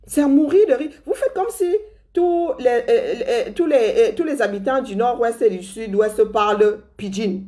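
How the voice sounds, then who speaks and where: A woman's voice: on the high side, measured pace, warm tone. A woman from Cameroon with a Cameroonian French accent, delivering a sarcastic, scornful political commentary.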